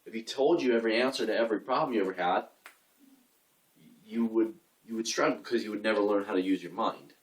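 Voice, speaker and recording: A man's voice: lowish voice, quick pace. A young man giving an earnest, casual talk on faith, often repeating himself and restarting his sentences. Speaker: video host giving faith advice. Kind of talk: casual inspirational talk to camera. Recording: roomy sound from a distance.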